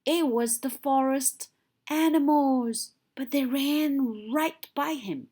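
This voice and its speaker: A high-pitched woman reads a picture book aloud to young children at a slow pace. Key moments get dramatic emphasis in her expressive storytelling.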